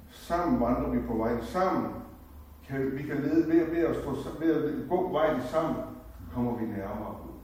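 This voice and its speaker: A man's voice: mid-range voice, darkish tone, far from the mic. Older man, echoing from afar in a church. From West Jutland, Denmark. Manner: earnest, heartfelt, meandering with restarts. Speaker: lay speaker at a church gathering. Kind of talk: personal faith talk.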